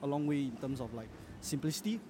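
A man's voice: medium pitch, sing-song, fast talker. A man with a Singaporean accent hosting a casual podcast on the go, talking informally with Singlish particles. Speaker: podcast host. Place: out and about in a public place. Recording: noisy ambience of a public place.

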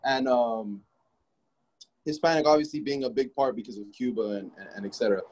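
Young man; relaxed, rambling interview guest on a video call. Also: medium pitch, brisk. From Miami, Florida. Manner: laid-back, rambling with many restarts and fillers. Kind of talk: casual interview chat.

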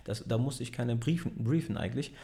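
A man's voice: mid-range voice, expressive, fairly quick, gravelly, mellow. A man who runs a business and leads a team, talking casually in an interview, rambling and correcting himself, often tagging sentences with a questioning aside. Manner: rambling, self-correcting, frequent "ne?" tags. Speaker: business owner and team leader.

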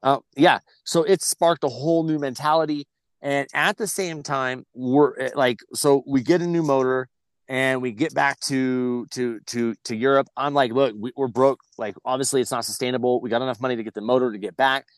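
A man's voice: medium pitch, fairly even intonation, normal speed, no room sound. A man telling a story as a podcast guest, blunt and heavily profane, rambling with frequent restarts. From United States. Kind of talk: casual storytelling.

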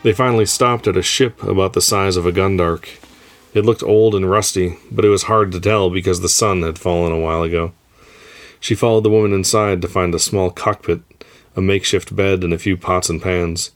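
A man reading a story aloud in a measured, steady narration. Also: low voice. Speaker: story reader. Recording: faint music underneath.

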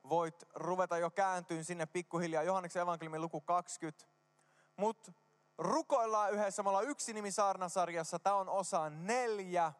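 A man preaching a casual, joking sermon in a church, mixing slang with prayer. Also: high voice. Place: church hall. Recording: reverberant hall.

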